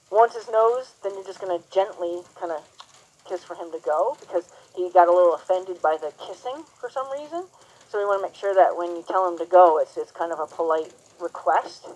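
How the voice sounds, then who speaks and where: Breathy woman gently coaching a horse lesson. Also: fairly low pitch, rough recording. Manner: soothing and gentle. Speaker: horsemanship instructor.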